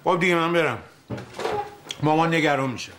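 A man's voice: a little high, background noise, natural voice. An actor playing a streetwise, scheming man who haggles and teases his brother in a sitcom. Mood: haggling, cocky. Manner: bargaining, teasing, bossy. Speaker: wheeling-dealing brother. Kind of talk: sitcom acting.

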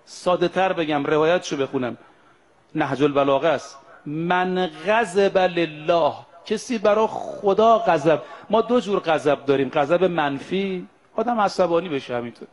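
A male preacher giving a sermon to pilgrims, slowing to chant Arabic quotations and then explaining them in plain speech while addressing the brothers and sisters before him. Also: on the high side.

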